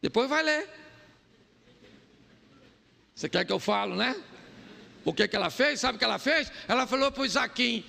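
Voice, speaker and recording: Brazilian pastor, high and gravelly, preaching. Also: male voice, animated, moderate pace, pauses often, bright, forceful tone, in a large hall. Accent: Brazilian Portuguese. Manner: asks the crowd "sim ou não?" and acts out quoted voices. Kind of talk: lively comic sermon.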